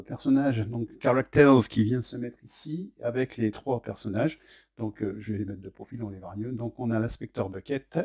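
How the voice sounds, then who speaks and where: French-accented man, casual board game demo host, chatty, halting delivery with lots of fillers, mid-pitched. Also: a little mellow. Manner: chatty, says "hop" as he flips cards; hesitant, many fillers. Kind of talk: casual unboxing and rules demo.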